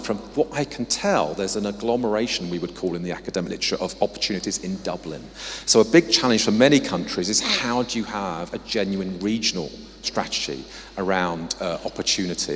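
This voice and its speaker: A man from England with a fairly low voice gives a conversational conference talk with slides, appearing as a guest speaker who researches social mobility. He drops in apologetic asides along the way. There's slight background noise and the long reverb of a hall.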